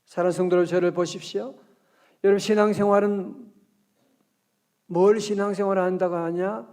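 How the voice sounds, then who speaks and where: High-voiced man preaching lively. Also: clean tone. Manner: lively and conversational, prods the congregation with questions; reads scripture aloud slowly. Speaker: pastor. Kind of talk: early-morning prayer sermon.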